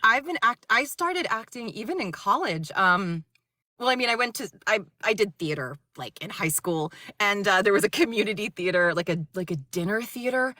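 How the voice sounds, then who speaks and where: A woman from Maryland talks about her acting in a loose, rambling way and laughs often. Her voice is bright and sits in a middle register. The sound is dry and close. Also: mid-range voice, animated, normal speed, dry recording. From Maryland, USA. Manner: chatty, rambling storyteller who laughs often. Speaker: guest narrator and actor. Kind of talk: casual interview chat.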